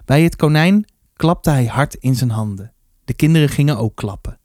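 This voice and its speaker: A man reads a children's book aloud in an easy, lively first-person telling. His voice sits at an ordinary pitch. It is recorded close and dry, with no room sound. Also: moderate pace, dry recording. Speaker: storybook reader.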